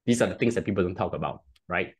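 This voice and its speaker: Fast-talking, with a low voice, lively intonation and a breathy edge, this man in his thirties has a Singaporean accent. He guests on a podcast over a headset video call from a home room, explaining at length in casual interview style. He restarts often and keeps adding "right?".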